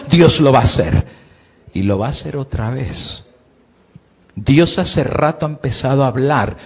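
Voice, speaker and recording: A middle-aged man preaching a sermon, his voice slightly husky. He swings between loud, high-pitched peaks and low, quiet lines, and he asks his listeners questions before answering them himself. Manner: preaching with sweeping rises and drops in pitch and volume. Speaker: pastor.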